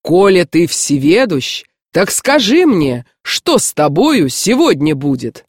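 A woman narrator puts on a commanding medieval prince in a storybook radio reading. He speaks loudly and challenges in a low, lively voice. The sound is dry and close. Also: takes it slowly, breathy edge, no room sound, heavily acted. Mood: challenging. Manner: loud challenging speech. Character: stern medieval prince, grown man, commanding.

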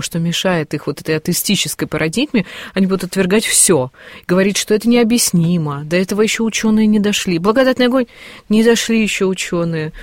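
A woman hosting a radio programme and chatting with a priest in a lively, conversational way. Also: fairly low pitch, no echo, studio quality. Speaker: radio host. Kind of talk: radio discussion.

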